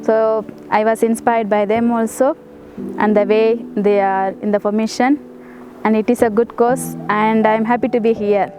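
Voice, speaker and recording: A woman's voice: fairly high pitch, flat delivery, moderate pace, music in the background. A woman returning to a course, speaking simply and contentedly in an interview testimony.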